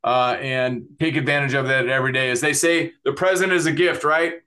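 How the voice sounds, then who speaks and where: A man's voice: mid-range voice, steady tone, brisk, bright, forceful tone, smooth. A middle-aged man hosting a podcast, earnestly thanking his guest and listeners and plugging websites, with many fillers. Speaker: podcast host.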